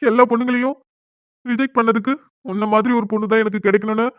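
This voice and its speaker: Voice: mid-range voice, fairly even intonation, quick pace, no room sound, close to an everyday voice. A performer voicing a sulky young man in a cartoon who whines and pleads after an unwanted marriage. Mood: whiny. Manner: whining, pleading. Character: young man, whiny, sulking new husband. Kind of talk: cartoon dialogue. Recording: tinny phone-like sound.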